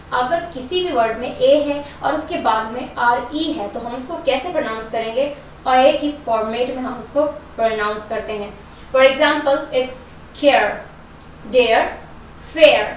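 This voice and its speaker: High-voiced woman teaching in an echoey room. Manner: asks "clear?" often and repeats example words slowly. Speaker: English pronunciation teacher. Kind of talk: online lesson, explaining rules and reading example words. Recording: very echoey room, voice from a distance, faint noise.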